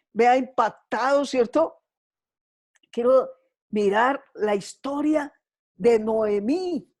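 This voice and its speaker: Woman preaching a sermon, somewhat high. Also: darkish tone. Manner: preaching, often asking the audience ¿sí? and ¿cierto?.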